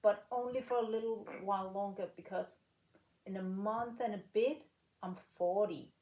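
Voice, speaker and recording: A woman in her late thirties, a former rifle shooter from Denmark, answering interview questions in a measured, unhurried way with pauses between phrases. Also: mid-range voice, steady tone, dark tone. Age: 30s. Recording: echoey room.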